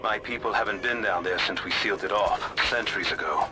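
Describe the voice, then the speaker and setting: An actor playing an ancient man who leads a hidden people, giving calm, measured guidance. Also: lowish voice, heavy background noise, lightly acted. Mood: solemn.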